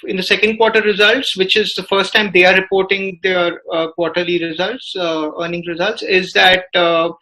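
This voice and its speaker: A business reporter with an Indian accent offers analytical commentary on a podcast, hesitating often and leaning on filler words. His voice sits high with a level tone that comes across bright and forceful. The recording is rough.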